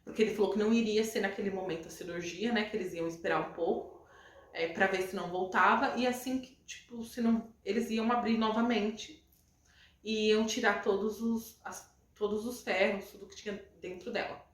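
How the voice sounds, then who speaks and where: A woman's voice: mid-range voice, steady tone, fairly quick. A woman with a Brazilian Portuguese accent, a mother emotionally retelling a personal story to her viewers in a casual way. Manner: emotional retelling, often addressing viewers as "gente". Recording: echoey room, voice from a distance.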